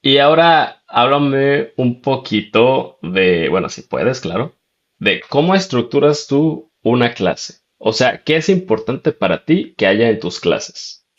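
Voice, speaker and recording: A man's voice: mid-range voice, slow pace, highs cut off. A man hosting a conversational interview, agreeable and easygoing, telling personal anecdotes. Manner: relaxed, agreeable, tells anecdotes. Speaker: podcast host.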